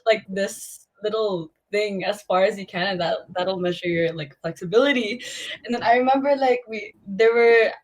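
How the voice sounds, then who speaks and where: A woman's voice: on the high side, poor audio. A young woman co-hosting a casual podcast, rambling and giggling as she tells a story among friends. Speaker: podcast co-host.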